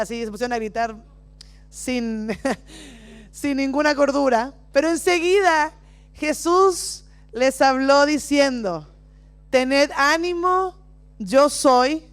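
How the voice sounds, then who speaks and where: A man preaching a sermon, reading scripture expressively with slow, dramatic phrasing and playful asides. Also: very high-pitched, a bit bright, clear, resonant tone, no echo. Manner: playful asides and small laughs.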